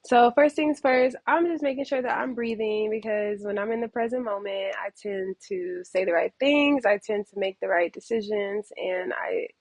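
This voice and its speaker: A young woman talks at a middle pitch in a loose, rambling vlog, leaning hard on "like" and sometimes jumping up in pitch with excitement. She is recorded close and dry, in a home with no room sound. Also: normal speed, hardly any pauses, no echo. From Southern California. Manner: meandering, heavy use of "like", sudden excited jumps in pitch. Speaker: vlogger. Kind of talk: casual reflective monologue. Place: a friend's home, indoors.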